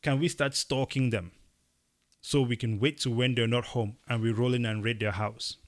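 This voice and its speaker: A young man from Cameroon co-hosting a casual opinion chat, talking emphatically and rising into animated bursts. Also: medium pitch, moderate pace. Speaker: podcast co-host.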